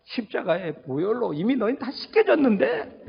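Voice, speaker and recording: A man preaching a sermon as pastor, questioning his congregation and swinging from loud high calls to low murmurs. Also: huge pitch swings, moderate pace, vocal fry, slightly rough, lo-fi sound. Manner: call-and-response questions to the congregation.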